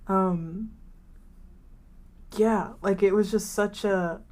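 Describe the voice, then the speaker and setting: Medium in pitch and extremely slow, this twenty-something woman is a podcast co-host chatting casually. She rambles through stories, retelling them animatedly with plenty of "like" and "um."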